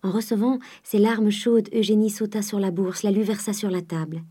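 A woman narrating a classic novel in a soft, hushed reading. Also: mid-range voice, steady tone, normal speed, breathy edge. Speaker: audiobook narrator.

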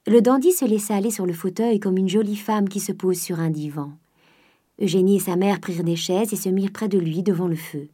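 A woman narrating a classic novel as a scripted audiobook, measured and at times dropping to a soft near-whisper. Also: mid-range voice, breathy edge.

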